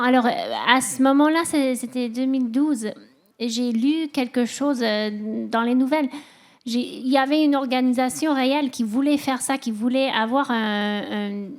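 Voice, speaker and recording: A woman novelist answering interview questions in non-native French with a foreign accent, searching for her words. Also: on the high side. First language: not French. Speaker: novelist, festival guest. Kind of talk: interview answers at a literary festival.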